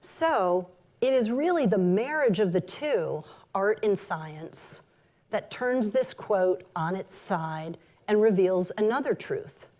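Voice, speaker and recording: A woman marketing executive giving a conference talk, measured and sprinkled with ums and uhs. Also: mid-range voice, expressive, a little mellow.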